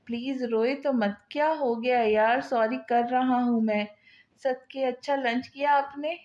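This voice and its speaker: A woman reading the lines of a young man who is a tender, devoted lover, in a soft, coaxing way. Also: high-pitched, steady tone, measured pace, dull audio. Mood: doting.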